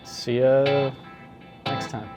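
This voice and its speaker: A man's voice: medium pitch, fairly even intonation, extremely slow, music in the background. Rambling man chatting casually. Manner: rambling, self-correcting, hesitant. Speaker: home brewer vlogger. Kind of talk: casual talk to camera.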